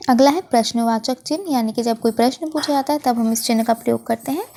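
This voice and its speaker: Mellow-voiced Indian woman teaching children. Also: on the high side. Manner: patient, explains slowly, frequent self-corrections. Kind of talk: online worksheet lesson for children.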